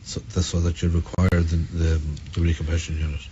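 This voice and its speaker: A deep-voiced Irish man hosts a conversational radio interview, often doubling back on words as he asks things. The sound is somewhat dull, with faint noise. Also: completely flat delivery, brisk, warm tone.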